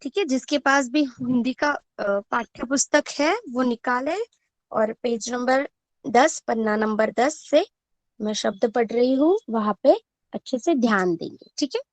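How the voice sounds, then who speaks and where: Woman teacher, online class for young kids, slow careful delivery, syllable-by-syllable drilling, dry close sound. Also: fairly high pitch, no echo. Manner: asks the class questions and answers them herself. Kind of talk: online Hindi class for first graders.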